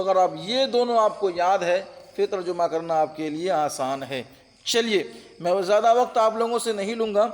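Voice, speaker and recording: High-voiced man teaching translation, reverberant. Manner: patient, repeats terms and checks understanding. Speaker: Urdu-Hindi translation teacher. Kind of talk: online exam-prep lesson.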